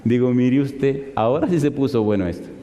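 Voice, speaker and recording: Un pastor que predica y cuenta una historia, imitando con viveza las voces de una llamada telefónica. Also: male voice, mid-range voice, brisk, a little hiss or hum. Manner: animated, acts out both sides of a phone call. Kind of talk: sermon with storytelling. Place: large hall in London. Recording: reverberant hall.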